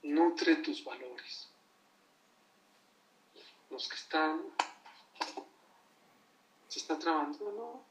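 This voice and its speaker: A man's voice: on the high side, extremely slow, pauses often, slight background noise. Man teaching from far across an echoey room. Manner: lively, addresses listeners directly, acts out quoted voices. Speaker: religious teacher giving a class. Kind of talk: motivational class streamed over video call. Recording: roomy sound from a distance.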